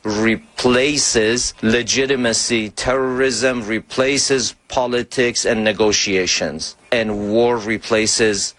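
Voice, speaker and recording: Male simultaneous interpreter, live interpreter voice, slow measured delivery, low and dry. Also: steady tone, fairly bright tone, dry recording. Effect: live interpreter voice relayed in a news clip.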